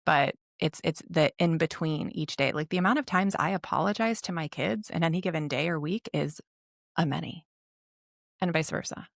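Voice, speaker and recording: Woman, 30s, mental health coach; candid, swears freely, low gravelly tone, dry close sound. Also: moderate pace, no echo. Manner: reflective, earnest. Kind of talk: podcast interview.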